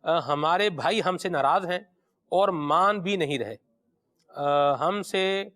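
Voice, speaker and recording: A man's voice: fairly high pitch, a bit bright. A man hosting a religious call-in show, reading viewer messages and telling anecdotes in a respectful, affirming way. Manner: respectful, affirming, hesitant fillers when reading.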